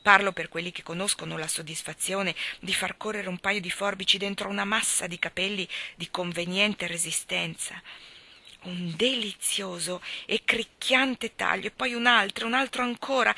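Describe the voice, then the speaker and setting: A woman reading a classic novel aloud with measured, expressive narration. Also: medium pitch, creaky. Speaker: audiobook reader. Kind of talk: literary reading.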